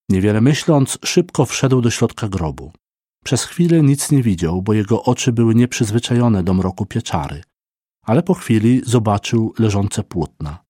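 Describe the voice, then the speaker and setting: Male narrator, husky and warm, calm devotional storytelling, dry close mic. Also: fairly low pitch, no room sound. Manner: slow, gentle reading of a devotional story. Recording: dry close recording with soft instrumental music.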